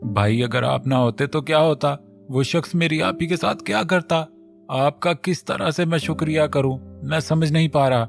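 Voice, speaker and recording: A choked, pleading young brother, raised high above the storyteller's own tone, as a male narrator puts him on. His questions tumble out in a tearful rush, with faint music underneath. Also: normal speed, natural voice. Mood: grateful. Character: tearful young man, anxious protective brother.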